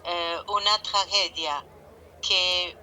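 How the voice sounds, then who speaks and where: An official giving a slow, formal statement with hesitant fillers. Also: medium pitch, fairly even intonation, sharp tone, slight background noise.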